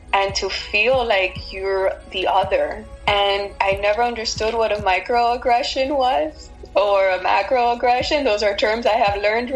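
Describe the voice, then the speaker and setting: A woman's voice: mid-range voice, fairly bright tone, rough recording. A woman in her twenties from Miami, speaking thoughtfully as an interview guest, with frequent fillers and light laughter. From Miami, United States. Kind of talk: casual interview conversation.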